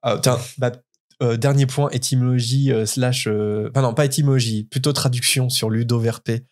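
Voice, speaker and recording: A man's voice: mid-range voice, steady tone, moderate pace. A French man hosting a casual podcast, enthusiastic and hesitant with frequent fillers. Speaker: podcast host. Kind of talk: casual chat about book translation.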